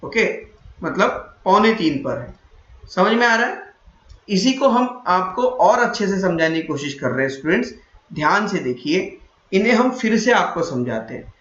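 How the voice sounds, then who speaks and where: High-voiced maths teacher, echoey room. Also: male voice, animated, normal speed, fairly bright tone. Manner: repetitive, checks understanding, self-correcting. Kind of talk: classroom lesson. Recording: echoey room, dull lo-fi sound.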